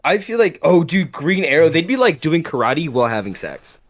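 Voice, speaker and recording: A man co-hosting a podcast, talking in an excited, rambling way and laughing often. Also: a little high, a little fast. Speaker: podcast co-host. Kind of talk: casual podcast chat.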